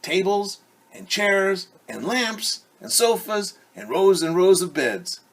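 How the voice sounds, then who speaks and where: A man teacher reading a picture book aloud to children, animated and stopping to explain words and ask questions. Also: high voice, slow pace. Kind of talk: children's story read-aloud.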